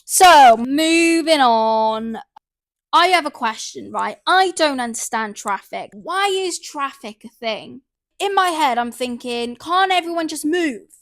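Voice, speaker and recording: A woman's voice: sits high, animated, unhurried, fairly bright tone, no echo. A young woman hosting a podcast, talking casually at home, ranting animatedly and swearing freely as she overshares. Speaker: podcast host.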